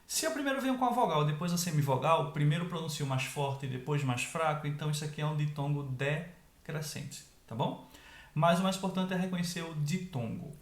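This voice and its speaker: A man teaching an online grammar lesson, explaining step by step and checking in with quick tag questions. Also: a little high, roomy sound.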